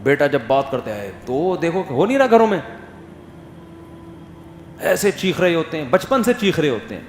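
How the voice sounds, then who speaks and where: A man giving an Islamic sermon, swinging from emphatic questions to soft, quiet asides. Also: fairly high pitch, slight background noise. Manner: animated, rises to emphatic questions, drops to soft quotes. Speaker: Islamic scholar giving a talk. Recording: echoey hall with faint ambience.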